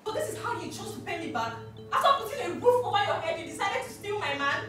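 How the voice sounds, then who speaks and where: A betrayed woman screaming accusations in a Nigerian film, very high voice that swoops wildly, rapid-fire and taunting, with a Nigerian English accent. She sounds far from the mic in a very echoey room, with music under the scene. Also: expressive. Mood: furious. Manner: shouting, taunting. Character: betrayed woman accusing her friend, shrill and furious.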